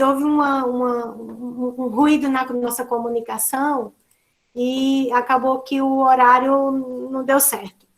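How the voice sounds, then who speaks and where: A woman's voice: sits high, a bit bright. A woman facilitating an online seminar, explaining at length with many tag questions and restarts, speaking over a video call. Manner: explanatory, with frequent "né" tags and restarts.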